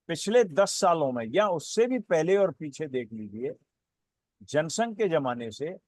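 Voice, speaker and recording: A man speaking as a political analyst on a panel, building his points in a measured way with repeated phrases. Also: on the high side, no echo. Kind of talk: panel discussion commentary.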